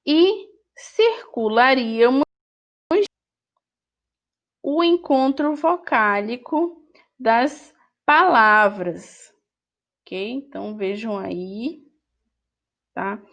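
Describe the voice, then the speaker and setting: A woman's voice: on the high side, expressive, very slow, pauses often, fairly bright tone. A woman teacher with a Brazilian Portuguese accent, correcting a workbook in an online lesson, who speaks patiently and repeats each word. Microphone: screen recording with voice-over.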